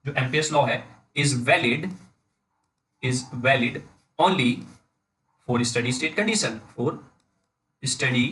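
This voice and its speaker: A man with an Indian accent giving an engineering lecture, dictating slowly word by word and often checking in with his students. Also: on the high side, a bit bright, poor audio. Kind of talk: blackboard-style lecture in mixed Hindi and English.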